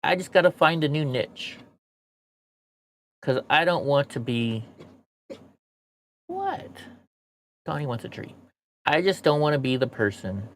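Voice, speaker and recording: Slightly high and at normal speed, this man's voice is broken up by long pauses. An American show host and streamer with missing front teeth, he vents to his viewers bluntly and casually, rambling and swearing in a candid monologue.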